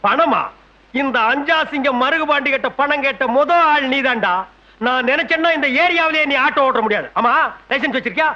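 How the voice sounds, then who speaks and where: A boastful neighbourhood tough who bullies and threatens those around him. His voice is very high, sharp and forceful. It has the dull sound of an old film soundtrack. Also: brisk. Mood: bullying. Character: swaggering middle-aged neighbourhood tough who bullies people. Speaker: local strongman. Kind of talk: film comedy acting.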